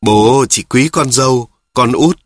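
A man's voice: mid-range voice, slow pace, no room sound, studio quality. A man reading a story, voicing a curt and sulky youngest daughter. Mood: irritable.

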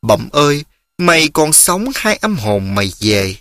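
A man's voice: a little high, sing-song, unhurried, fairly bright tone, no echo, studio quality, exaggerated voice. A male narrator voicing a grieving old peasant mother, tearful and worried. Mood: crying. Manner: tearful, pleading.

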